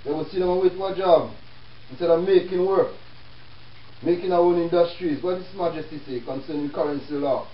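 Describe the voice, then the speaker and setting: A man's voice: on the high side, fairly quick. Echoey Jamaican man in Rastafarian speech. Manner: preaching, rhetorical, peppered with check-in questions. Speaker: self-help show host. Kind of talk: Rastafarian speech, informal lecture with readings. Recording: echoey room, distant mic, dull with hiss.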